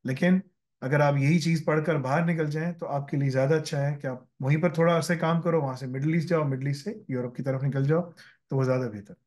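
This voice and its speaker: A man with a somewhat high voice gives relaxed interview answers. He tells long anecdotes and drops English phrases into his sentences. He keeps checking in with the listener as he talks. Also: quick pace. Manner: mixes English phrases into his talk, often asks "ठीक है ना". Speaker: guest speaker on careers.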